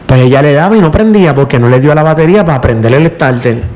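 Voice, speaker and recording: A middle-aged man with a Puerto Rican accent, a power utility worker recounting a hard experience in an emotional, halting, repetitive way. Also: a little high, darkish tone. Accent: Puerto Rican Spanish. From Puerto Rico. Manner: emotional storyteller, repeats words, tearful at times. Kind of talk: emotional casual conversation.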